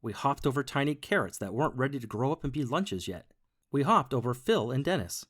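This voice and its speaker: A man reading a children's storybook aloud as the first-person bunny narrator, playful and expressive. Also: mid-range voice, fairly quick.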